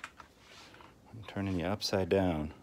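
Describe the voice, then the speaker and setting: This man's voice is deep and his pace slow as he casually works through a repair on his tinkering channel. Seated indoors at a work table, he thinks aloud in a folksy manner. The background clearly carries noise, clicks, and handling sounds.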